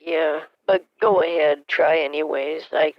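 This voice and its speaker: A man's voice: a little high, steady tone, measured pace, no echo. A man putting on the voice of a frail, confused elderly woman who is hard of hearing and stammers, asking for things to be repeated. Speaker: caller posing as a victim. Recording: muffled phone call.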